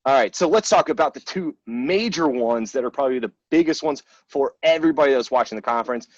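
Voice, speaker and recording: A male host talks through gaming news in a chatty, informal way, blunt in his opinions. His voice is medium in pitch and close and dry, though the sound is slightly dull. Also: expressive, fast, dry recording. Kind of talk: casual gaming debrief, chatty with swearing.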